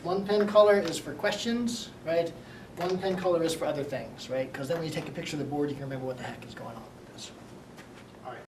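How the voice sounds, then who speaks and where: Fast-talking lecturer in an echoey classroom. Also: male voice, on the high side, distant mic. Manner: fast-talking, excitable, many "right?" tags. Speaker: university lecturer. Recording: echoey classroom recorded from afar, noisy.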